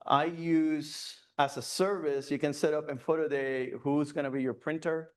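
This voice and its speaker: Speaking smoothly at a moderate pace, a man with a fairly high voice and fairly even intonation presents as a guest at a photography club. In the meeting room he answers audience questions, his speech loose and peppered with fillers and restarts.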